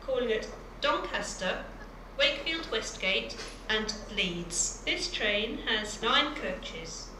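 A woman's voice: a little high, noisy background. A woman making a formal, scripted train station announcement in separate segments, heard over public address speakers. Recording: echoey distant station tannoy with loud ambience.

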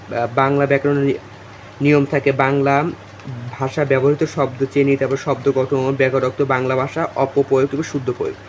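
A man's voice: medium pitch, a little hiss or hum. A young man from Bangladesh tutoring students for an exam, talking to them directly, repeating himself and filling gaps with fillers. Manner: repetitive, addresses students directly, many fillers. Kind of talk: informal exam-prep lesson.

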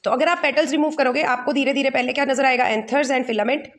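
A woman with an Indian accent teaching a lesson, reading English lines slowly and then explaining them again in Hindi. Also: high voice, fairly even intonation.

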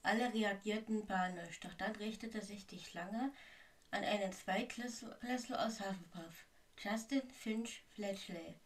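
A woman's voice: medium pitch, slow, far from the mic. A woman reading a story aloud in a plain way, with small slips and restarts.

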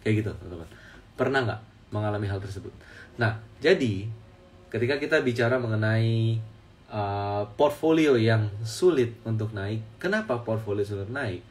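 A man's voice: fairly low pitch, expressive, moderate pace, a little mellow, recorded from a distance, a little hiss or hum. A man, a stock trading educator, telling a story in casual explanatory talk and often repeating his phrases for emphasis. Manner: storytelling, repeats phrases, addresses viewers as friends.

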